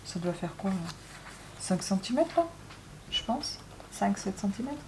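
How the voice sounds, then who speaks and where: Woman vlogger, mid-pitch, chatty and jokey, grumbles a lot, faint noise behind. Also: lively intonation, a little slow. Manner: chatty, joking, grumbling, lots of "hein". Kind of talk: casual chat vlog.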